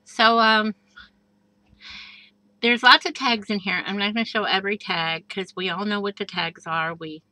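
A crafter with a bright, clear, medium-pitched voice shows off a handmade junk journal, filmed by an overhead camera above a craft table indoors. She keeps a steady tone and normal speed, chatting casually and gushing over each piece with many fillers and soft asides. The recording is rough but has no echo.

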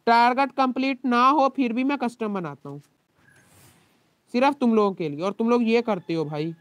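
A man as a live game streamer with a Pakistani Urdu accent vents to his chat, exasperated and complaining, his throat dry from long shouting. The sound is close and completely dry, with no room around it. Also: very high-pitched, moderate pace, dry recording. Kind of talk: live gaming stream talk.

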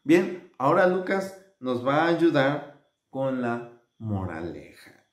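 A man tells a fable to children in a slow, unhurried manner. His pitch swoops widely as he acts out the characters with sudden shouts. The room around him is echoey. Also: very animated. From Mexico. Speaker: children's musician and storyteller. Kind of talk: children's storytelling. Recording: roomy echo.

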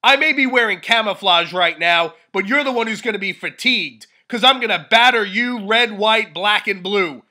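A man in his thirties delivering a wrestling promo, with theatrical mock-tough trash talk and emphatic, dramatic pauses. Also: high voice, pushed and bright. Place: small living room, indoors.

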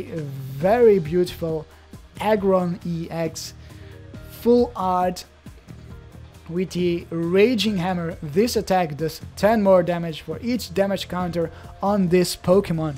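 This is a native Dutch speaker from Belgium, a young adult with a Belgian Dutch accent, giving halting, casual commentary with frequent restarts as card packs get opened. The pitch sits in the middle, the delivery is slow and mellow, and faint music can be heard behind.

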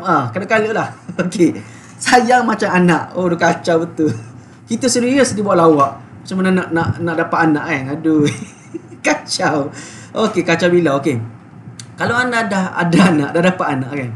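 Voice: medium pitch, fairly bright tone, a little hiss or hum. Malaysian Malay accent, online business coach, live coaching talk, chatty, fervent, laughs often, phone recording.

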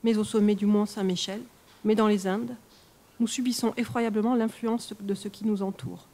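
A woman reading a first-person horror story aloud in a measured, expressive storytelling manner for a live stream. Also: mid-range voice. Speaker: reader.

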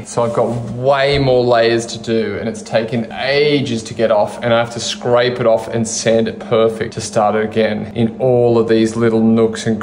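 A man in his thirties filming himself on a phone with a lapel mic while renovating an empty house, chatting and explaining his work with some frustration. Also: mid-range voice. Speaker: home renovation vlogger. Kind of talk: casual self-filmed vlog. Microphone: lapel mic, phone held at arm's length. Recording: echoey bare rooms with noise.

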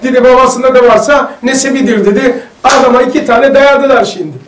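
A man with a very high, fairly bright voice leads an informal religious study circle, chatting, telling anecdotes, and asking his group questions. He talks fairly quickly, recorded by a distant mic in a roomy, echoing space with a little hiss or hum.

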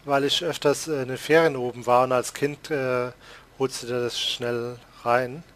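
Playing a farming game, this Palatinate man keeps up casual gaming chat in his regional German accent, teasing himself and laughing often as a let's play host. He talks at normal speed in a mid-range, fairly bright voice with fairly even intonation. There's a little hiss or hum.

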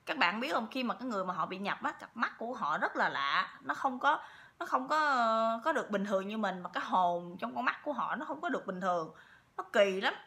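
A woman's voice: fairly high pitch, expressive, fairly quick, bright, forceful tone. A woman telling a story to her viewers in a chatty way, repeating words often. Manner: chatty, with many repeats and fillers. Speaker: vlogger.

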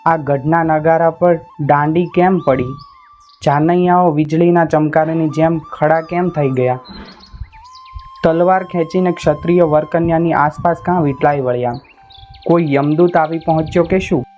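A man telling a folk tale in a measured, poetic narrating style. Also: a little high, steady tone, darkish tone. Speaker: storyteller. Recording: dull lo-fi recording with faint instrumental music.

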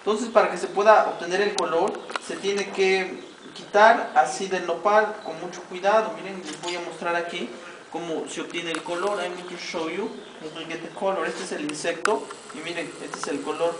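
A man's voice: sits high, fairly even intonation, normal speed. A man with a Mexican Spanish accent guiding tourists through a weaving demonstration, explaining each step in Spanish and then repeating it in English. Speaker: weaving cooperative guide. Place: weaving workshop with visitors. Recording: distant, roomy camera audio with background noise.

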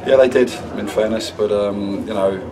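A middle-aged man, a football manager, answering post-match questions in a measured, subdued way with many pauses. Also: on the low side, steady tone, recorded from a distance, noisy background. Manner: measured, subdued, halting with fillers. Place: indoor club room, sponsor wall.

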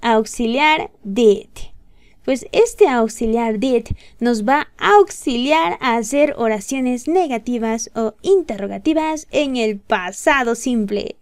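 Slow, patient woman teaching grammar. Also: fairly high pitch, a little mellow, clean tone, no echo, studio quality. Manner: patient, step-by-step, checking questions. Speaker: English teacher. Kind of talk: explaining grammar to beginners.

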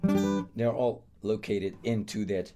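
Hoarse man teaching guitar. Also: on the low side, fairly even intonation, slow. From Netherlands. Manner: loose and chatty, many fillers. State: hoarse, losing his voice. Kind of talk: casual video lesson.

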